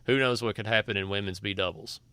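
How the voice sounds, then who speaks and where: A man's voice: on the low side, steady tone, fast talker, bright, forceful tone, smooth, no room sound. A man hosting a casual podcast, folksy and joking, with a slightly sore throat. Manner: joking, folksy, loose with restarts. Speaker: podcast host.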